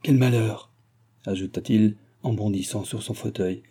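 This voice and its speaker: Man doing a scheming excitable nobleman, theatrical, insinuating, dark voice, audiobook. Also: fairly low pitch, measured pace, creaky, breathy edge, heavily acted.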